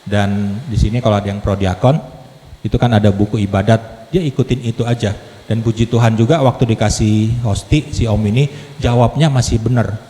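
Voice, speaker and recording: A man giving a lively testimony sermon in a church hall, telling his story with humor and acted quotes. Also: fairly low pitch, brisk. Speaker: lay preacher giving a testimony. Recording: echoey hall with long reverb.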